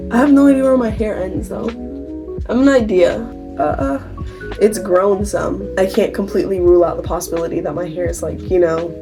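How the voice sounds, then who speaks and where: A teenage girl chatting casually to her viewers in a home vlog, giggly and tired, with a sore throat. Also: mid-range voice. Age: teens. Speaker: vlogger.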